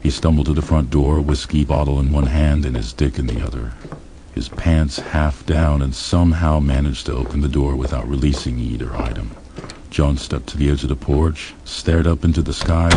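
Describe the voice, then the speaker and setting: A man reading a crude comedy story aloud in a deadpan, matter-of-fact way. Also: a bass voice, normal speed, vocal fry, noisy background. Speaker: audiobook narrator.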